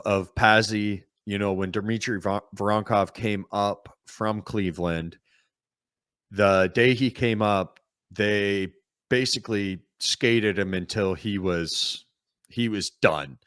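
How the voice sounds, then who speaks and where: A man talks hockey on a podcast in an easy, conversational way, laying out his points at length. His voice sits a little low. The sound is close and dry, with no room around it. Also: takes it slowly, clean tone, no echo. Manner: calm, talkative, explains at length. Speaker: podcast co-host. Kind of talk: casual sports chat.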